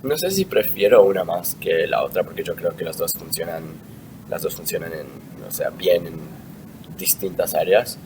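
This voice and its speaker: A man's voice: low voice, expressive, moderate pace. A young man from Argentina answering interview questions in a casual, hesitant way, with frequent fillers and restarts. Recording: distant mic with clear background noise.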